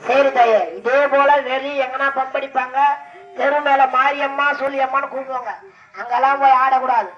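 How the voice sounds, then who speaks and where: High-voiced man coaxing at a temple rite. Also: level tone, normal speed, dull audio. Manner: coaxing, repetitive questions with shouted calls. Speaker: temple ritual drummer and officiant. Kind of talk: ritual questioning of a possessed devotee. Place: temple festival. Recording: echoey, distant mic. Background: drums and music.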